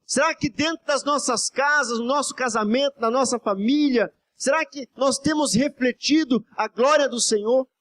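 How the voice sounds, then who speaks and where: Before a congregation at a church service, a male pastor preaches a fervent evening sermon, exhorting the crowd, repeatedly calling out to the "brothers" and asking for amens. His voice is extremely high and a bit bright, at normal speed with hardly any pauses.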